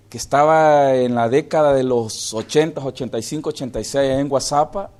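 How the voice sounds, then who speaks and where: A male pastor preaching a sermon, calling listeners "hermano" as he moves between hushed and raised delivery. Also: fairly high pitch.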